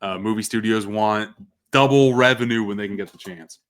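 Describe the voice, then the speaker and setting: A middle-aged man talks through his ranking of movies in a relaxed, chatty way. His voice sits on the low side. When he announces each number he springs up in pitch with sudden energy. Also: normal speed, slight background noise. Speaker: movie reviewer. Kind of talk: casual movie ranking commentary.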